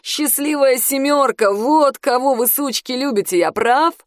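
A woman voicing a drunk, crude, boastful high-school heartthrob boy in a storybook reading, loud and drawn-out. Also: dry recording, clean studio sound. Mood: taunting.

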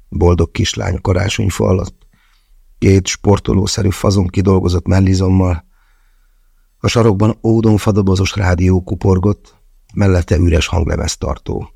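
A man's voice: low voice, steady tone, vocal fry, mellow, breathy edge, no room sound, clean studio sound. A man narrating a first-person novel as an audiobook, wry and conversational in his storytelling.

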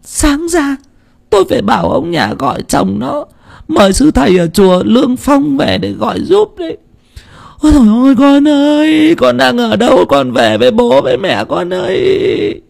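A man voicing a grieving elderly village mother in an audio story, telling her fears in a drawn-out wailing lament. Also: very high voice, sing-song, vocal fry, a little mellow, slightly rough, voice pushed up, exaggerated voice.

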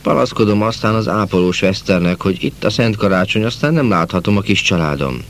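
A jolly young peasant soldier, acted by a man reading a storybook chatters away in a folksy voice. His tone lifts above the reader's deep everyday voice. A faint hiss sits behind it. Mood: cheerful. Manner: lively, folksy, talkative.

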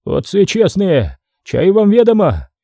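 A man's voice: high voice, huge pitch swings, unhurried, creaky, dry recording, clean studio sound, voice pushed up, exaggerated voice. A man voicing a quarrelsome monk who hurls accusations at the top of his voice. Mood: furious. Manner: shouting, furious.

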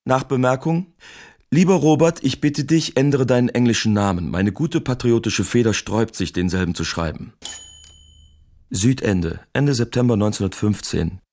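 A man's voice: medium pitch, moderate pace, a little mellow, close to an everyday voice. An actor playing a lonely, sardonic male artist who reads his wartime letters aloud with bitter, mock-patriotic irony in a radio drama. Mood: bitter scorn.

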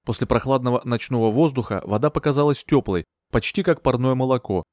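Guy reading an audiobook, steady and measured, dry studio sound. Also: medium pitch, dry recording. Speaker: audiobook reader. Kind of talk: first-person audiobook narration.

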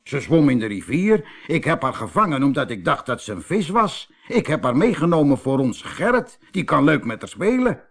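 An easygoing storybook fisherman, proud and jovial, as a male reader plays him. He speaks with a lively lilt and a slightly husky tone. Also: on the high side, normal speed, hardly any pauses, full character voice. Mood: cheerful.

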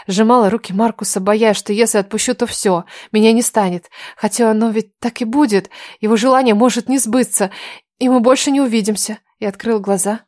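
A woman reading a first-person story aloud in steady scripted narration. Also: medium pitch, no room sound, studio quality. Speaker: audiobook narrator.

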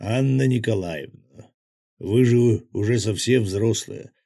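A man's voice: on the low side, takes it slowly, vocal fry, warm tone, dry recording, clean studio sound, full character voice. Casting: narrator doing a friendly, talkative fisherman in an audiobook. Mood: cheerful. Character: cheerful male fisherman and brewer.

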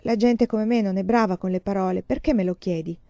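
A woman voicing a shy, devoted young man who speaks haltingly and blushes in a storybook reading. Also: sits high, warm tone, no room sound, muffled recording. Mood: bashful. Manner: bashful, halting.

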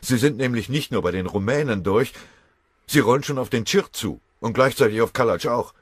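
A man voicing a venomous, excitable male army sergeant who grumbles and shouts. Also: very deep voice, normal speed, slightly rough, no room sound, clean studio sound, exaggerated voice. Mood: shouting.

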